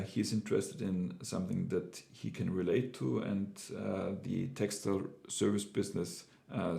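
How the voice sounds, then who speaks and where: A middle-aged German-accented entrepreneur shares a personal business story, casual and hesitant, with lots of fillers and restarts. His voice sits low, a little mellow, with vocal fry.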